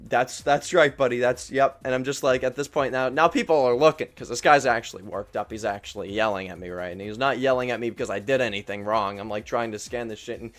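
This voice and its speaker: A man's voice: medium pitch, steady tone, fast talker, hardly any pauses, a bit bright. A young man telling a true story in a casual, rambling way, swearing and poking fun at himself. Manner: rambling, profane, self-deprecating.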